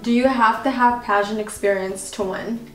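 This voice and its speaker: A woman's voice: a little high, fairly even intonation, moderate pace, fairly bright tone. A woman hosting a casual vlog interview with her sister in an informal, chatty way. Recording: echoey, distant mic, background music.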